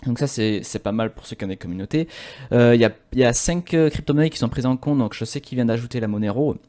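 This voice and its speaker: A young man from France giving a casual, chatty walkthrough of a website as a YouTuber, with relaxed slang. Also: medium pitch, fast talker. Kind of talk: casual screen-recording walkthrough.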